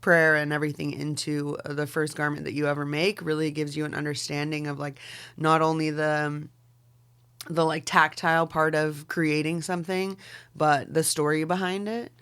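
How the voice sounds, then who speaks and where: Speaking at normal speed, her low-pitched voice has little pitch movement and a clean, slightly bright tone. She's a podcast guest in her forties, a fashion designer from Oregon in the Pacific Northwest, keeping things loose and chatty with many "like"s and fillers and the odd casual swear.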